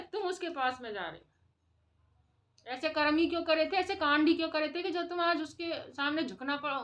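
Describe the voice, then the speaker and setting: High-voiced woman scolding in a vlog. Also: a bit bright. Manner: scolding, impassioned, repetitive. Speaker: vlogger. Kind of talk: opinion commentary to camera.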